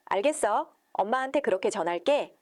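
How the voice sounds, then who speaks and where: A woman reading the lines of a gentle young husband, soft and reassuring. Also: a little high, lively intonation, brisk, no echo, clean studio sound, lightly acted.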